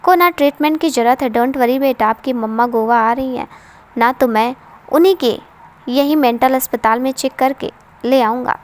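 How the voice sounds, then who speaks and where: Brief: a woman voicing a playful, teasing young man, high bright voice. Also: normal speed, lightly acted. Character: cheerful teasing young man, family friend.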